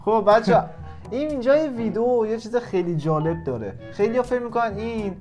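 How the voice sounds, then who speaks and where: A man's voice: sits high, expressive, a little mellow, soft background music. A man co-hosting a casual reaction video who points things out and tells viewers what to watch. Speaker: co-host of a reaction channel.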